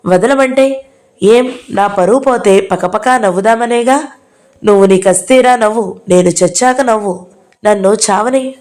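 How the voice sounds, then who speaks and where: A woman's voice: medium pitch, a little slow, darkish tone, lightly acted. A woman voicing a bitter, furious young woman who talks in a scornful, defiant way in an audio novel. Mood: desperate, angry.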